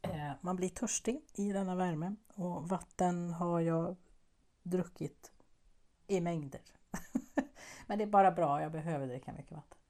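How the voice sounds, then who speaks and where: A woman with a slightly low voice chats casually to her viewers in an informal vlog. She rambles and thinks out loud, breaking into soft laughs between her thoughts. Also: pauses often. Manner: chatty, rambling, musing aloud with soft laughs. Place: living abroad in a warm place.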